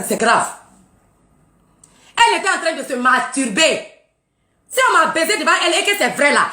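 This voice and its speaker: A woman from Burkina Faso rants on a live social media stream, mocking and taunting, boasting and laughing often. Her voice sits high and sounds pushed and bright, with a roomy echo around it.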